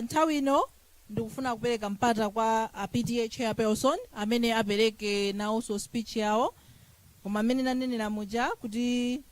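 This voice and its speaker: A master of ceremonies with a Malawian accent, announcing the next part of an event. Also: medium pitch. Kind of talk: event announcing in Chichewa with English terms.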